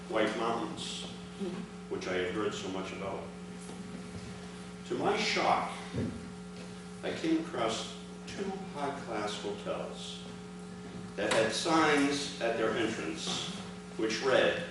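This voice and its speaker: In a big, echoing indoor hall, a man with a medium-pitched voice addresses a gathering, reading aloud his father's prepared account as a formal ceremonial speech. He's captured from a distance, and the recording is noisy and reverberant.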